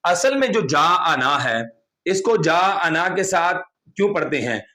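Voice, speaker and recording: Man teaching quran recitation, patient and repetitive, fairly high voice. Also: big pitch swings, measured pace, bright, forceful tone. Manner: patient, repetitive explaining with frequent "theek hai". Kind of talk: explanatory online lesson.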